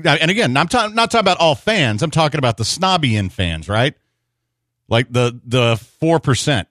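American sports radio host, dry studio sound. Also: male voice, a little high, big pitch swings, moderate pace, a bit bright, dry recording. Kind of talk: casual opinionated sports talk.

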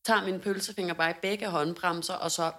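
A young woman telling a story in casual podcast chat, animated, with lots of fillers and laughter in her voice. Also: fairly low pitch. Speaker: podcast co-host.

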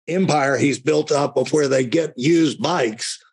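Hosting a conversational podcast interview, a man talks haltingly and rambles, often rephrasing what he's said. His voice is fairly high, a little mellow, and husky.

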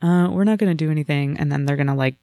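A woman in casual podcast chat, telling a story in an animated way and acting out the lines of the people in it. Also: low-pitched, very fast, dry recording, clean studio sound. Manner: animated storytelling with voiced quotes.

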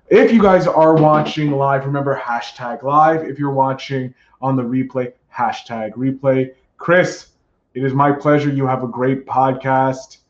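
A man hosts a live podcast in a casual, chatty way with a ringmaster's flair for announcing. His voice sits at a medium pitch. The sound is roomy and somewhat dull, like a lo-fi stream. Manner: ringmaster-like showman greetings, drawn-out announcing. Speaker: podcast host. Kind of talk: live-streamed solo show, casual chat.

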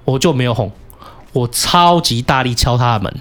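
A man with a Taiwanese Mandarin accent telling a story in casual chat, cursing and shouting when he acts out his anger. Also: medium pitch, animated, moderate pace. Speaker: podcast co-host.

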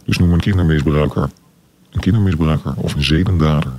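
Deep pitch-shifted, disguised man's voice. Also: darkish tone. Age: 40s. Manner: hesitant, many filler sounds, slow and deliberate. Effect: voice disguised with a deep pitch-shift distortion. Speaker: anonymous interviewee. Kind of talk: radio interview.

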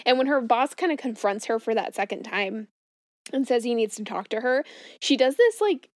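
A woman's voice: on the high side, expressive, normal speed, no echo. A woman co-hosting a casual movie discussion podcast in a chatty, conversational way, recorded up close in a small closet. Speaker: podcast co-host.

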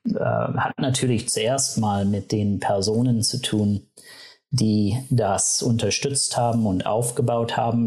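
A man's voice: on the low side, creaky, darkish tone. Male interviewee, native English speaker with North American accent in German. Hesitant, thinking as he explains. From Canada. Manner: hesitant, halting phrasing. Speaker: university vice president, interview guest. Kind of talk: spontaneous interview answers.

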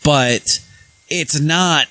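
A man's voice: fairly high pitch, very slow, sharp tone, no room sound, low-quality recording. An American man co-hosting a podcast, talking politics bluntly with plenty of swearing and restarts. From United States. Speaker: podcast co-host. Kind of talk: casual political chat.

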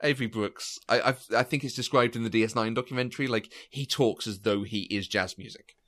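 A man's voice: medium pitch, fairly quick. A man co-hosting a podcast, chatting casually and telling stories with lots of fillers and restarts. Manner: chatty, animated storytelling with frequent fillers and restarts. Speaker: podcast co-host. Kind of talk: casual chat.

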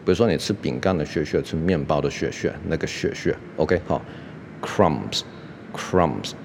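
A man teaching English pronunciation in a casual spoken lesson, often saying "OK" and "right" and repeating example words slowly for the listener to copy. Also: very deep voice, darkish tone, slight background noise. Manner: mixes English words into Mandarin, repeats words slowly to model them; frequent "OK" and "right" fillers.

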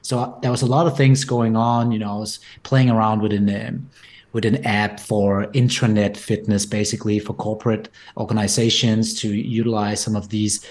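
Danish-accented man, forties, low-pitched, halting repeated words, podcast guest. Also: level tone, darkish tone. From Denmark. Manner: frequent restarts and repeated words, thoughtful. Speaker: guest entrepreneur. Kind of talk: podcast interview.

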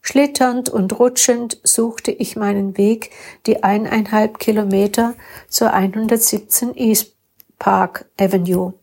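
A woman reading a first-person story aloud with calm, steady narration. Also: mid-range voice, husky. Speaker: story reader.

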